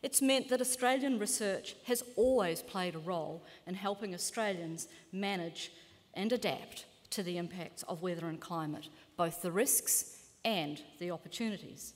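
A woman in her fifties with a New Zealand accent, giving a measured, earnest keynote lecture as a climate scientist in a large lecture hall. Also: on the low side. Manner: measured, earnest, occasional self-corrections. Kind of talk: formal conference lecture. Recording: long hall reverb.

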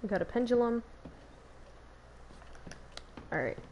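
A woman's voice: on the high side, big pitch swings, very fast, a little mellow, muffled recording, slight background noise. A young woman giving casual gameplay commentary as a streamer, chatty and giggly, talking to herself. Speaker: game streamer.

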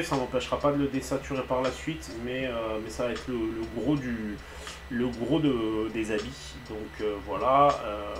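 A relaxed man with a French accent talks casually while he paints live, often stopping on hesitant fillers. His voice sits at an ordinary middle pitch. The recording carries a roomy echo and a faint hiss behind him. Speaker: miniature painter hosting a live stream.

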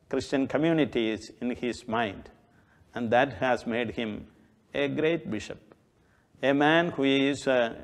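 An older man with an Indian accent giving a formal tribute as a bishop, in halting, measured phrases. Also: mid-range voice, long reverb tail. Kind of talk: formal spoken tribute to camera. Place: indoor studio with plain backdrop. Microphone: lapel.

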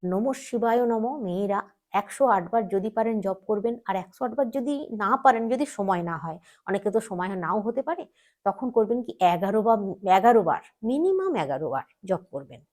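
A woman hosting a devotional channel, giving spiritual advice in a patient, instructive way and repeating each step slowly. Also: medium pitch, lively intonation, a little mellow. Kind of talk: casual spiritual advice talk.

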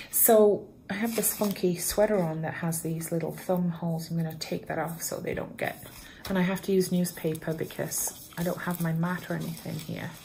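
A woman's voice: lowish voice, vocal fry, darkish tone, a little hiss or hum. A woman vlogger chatting casually and self-deprecatingly while she repots houseplants at home, talking to a camera propped up in front of her. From Canada. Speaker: plant vlogger.

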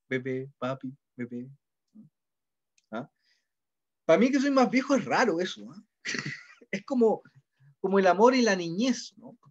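A middle-aged man with a Chilean accent teaching a class in a conversational way, often checking in with his students. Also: sits high. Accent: Chilean Spanish. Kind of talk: classroom lecture. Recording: dull lo-fi sound.

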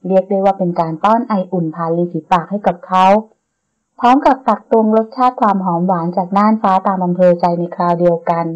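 A woman narrates a romance novel smoothly and without hurry, at a middle pitch. The recording is dull and lo-fi. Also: darkish tone. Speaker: audiobook narrator.

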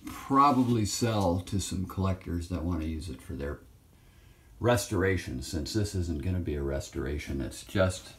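In an echoey, empty trailer, a renovation vlogger narrates offhandedly while filming on a handheld phone, chatting and thinking out loud over a faint hiss. His voice is low but a bit bright, with lively intonation and a moderate pace.

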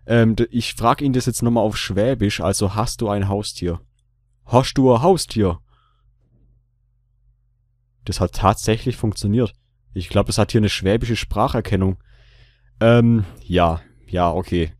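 A man's voice: on the low side, normal speed, no room sound. A man hosting a gaming video in casual commentary, joking and repeating his own lines aloud. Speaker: let's play host.

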